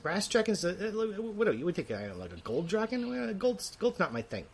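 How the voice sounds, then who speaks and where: A man's voice: high voice, huge pitch swings, fast talker, gravelly, slightly rough, heavily acted. A man voicing a chatty, rambling old male brass dragon who is fussy and easily offended.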